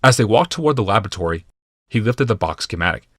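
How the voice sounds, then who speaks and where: Reading from a script, a man tells a fantasy audiobook story with a low voice and a measured, theatrical, animated delivery. His audio is intimate and dry, free of any reverb.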